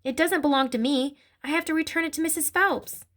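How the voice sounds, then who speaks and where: A clever, determined little girl speaks up earnestly, as a woman reading a storybook voices her. Her voice rises and falls with lively feeling. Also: high-pitched, brisk, voice pushed up. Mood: pleading.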